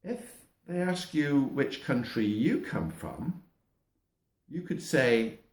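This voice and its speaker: A middle-aged man gently and patiently explains a lesson to young children, narrating as he marks up a map. He speaks slowly in a mid-range voice with lively intonation.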